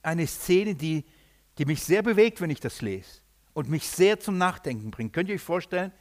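Emphatic preacher. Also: male voice, on the high side, animated, normal speed. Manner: emphatic, many rhetorical questions. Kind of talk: sermon.

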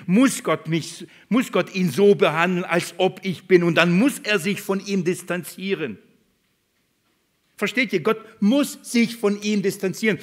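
In this high-voiced sermon, a man addresses his congregation by raising questions and supplying the answers himself. His volume swings back and forth between booming sections and soft ones.

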